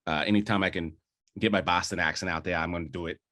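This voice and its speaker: Speaking fast with a low, sharp-toned voice and a steady delivery, a young adult man co-hosts a podcast. In this laid-back film debate he gets enthusiastic, rambling with fillers and restarts.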